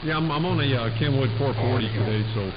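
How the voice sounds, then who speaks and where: Against a loud crowd, an amateur radio operator talks quickly in a mid-range voice, chatting casually with other operators. His folksy, rambling speech is packed with radio lingo. The muffled two-way radio signal has clear static.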